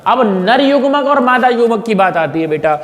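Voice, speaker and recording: A man teaching a class, drilling terms over and over with quick questions and corrections. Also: extremely high pitch, expressive, reverberant, long reverb tail. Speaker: tutor.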